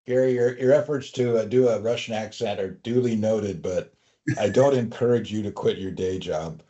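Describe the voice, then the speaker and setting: A man's voice: on the low side, moderate pace, dark tone. A man interviewing an older scientist, asking probing questions with a wry edge. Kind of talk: oral history interview. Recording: slightly muffled recording.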